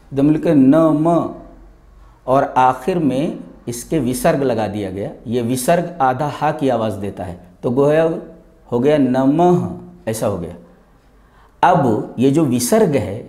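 A male Islamic scholar giving an explanatory lecture, methodically breaking words into sounds step by step and chanting grammar rules slowly. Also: medium pitch, warm tone.

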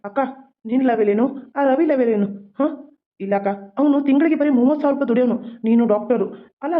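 Cartoon drama: a performer plays a hot-headed rich young man, rapid and exasperated. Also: mid-range voice, phone-quality sound, lightly acted. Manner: exasperated, blunt, quick-talking. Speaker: cartoon voice actor. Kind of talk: homemade cartoon drama dialogue.

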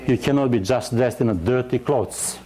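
An older man from Yugoslavia preaching a sermon, earnest, pausing to search for words and lifting his voice for scripture. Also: medium pitch, warm tone.

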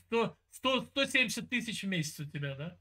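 A man's voice: high-pitched, very animated, brisk, pushed and bright. A man in his fifties from Siberia, lecturing insistently on a video call from a room at home. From Siberia, Russia. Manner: lecturing, insistent, talks over the other. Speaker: chat roulette streamer. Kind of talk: heated video chat argument. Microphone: webcam video call.

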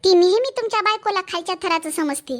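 A woman voicing a spoiled, boastful younger sister and wife in a cartoon family drama, sharp-tongued and scornful. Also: extremely high pitch, fast talker.

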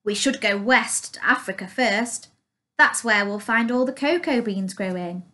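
Woman voicing tired old grandpa, gentle, slow, storybook reading. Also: medium pitch. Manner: gentle, puffing. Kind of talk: reading a picture book aloud.

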